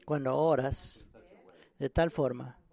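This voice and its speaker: A man preaching a sermon on prayer, earnest and halting, often repeating and restarting words. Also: mid-range voice, steady tone, creaky, mellow.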